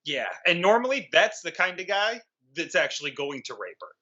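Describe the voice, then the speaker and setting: A man's voice: high voice, big pitch swings, a little fast, sharp tone. A man co-hosting a casual movie review podcast, talking in a sarcastic, profane way. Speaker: podcast co-host. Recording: dull lo-fi sound.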